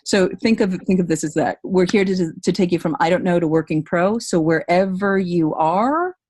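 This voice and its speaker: This voice-over coach runs a casual webinar in which she walks through her training program and answers questions. Her voice sits on the low side, with a darkish tone and a normal speaking speed. She is supportive throughout and often repeats herself emphatically.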